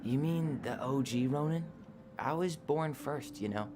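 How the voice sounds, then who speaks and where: A man's voice: on the high side, measured pace, natural voice. Wry, understated young man, played by an actor. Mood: casual, guarded. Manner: dry, understated, sardonic. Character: wry, guarded young man, Tyler, quietly playful. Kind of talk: naturalistic video game voice acting. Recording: dialogue under loud music.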